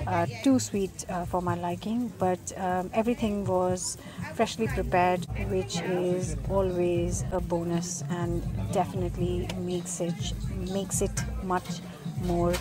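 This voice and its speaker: A middle-aged woman food vlogger narrating casually and unscripted, with frequent ums and pauses. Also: on the low side. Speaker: food vlogger and cookbook author. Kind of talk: casual vlog voice-over narration. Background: music behind the voice.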